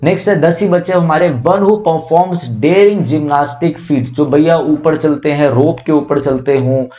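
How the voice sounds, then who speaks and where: A man's voice: on the high side, steady tone, dark tone. Hindi-speaking man teaching English vocabulary. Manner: slow deliberate reading of definitions, spelling words letter by letter; mixes Hindi explanation with English terms, asks rhetorical questions. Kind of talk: exam-prep vocabulary lesson.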